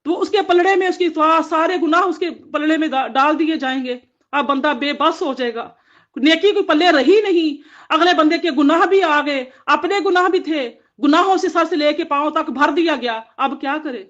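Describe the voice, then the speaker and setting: A woman with a fairly high, somewhat bright voice gives an earnest devotional commentary on the Quran to an audience of women, urging them on with repeated phrases. The audio is dull and lo-fi.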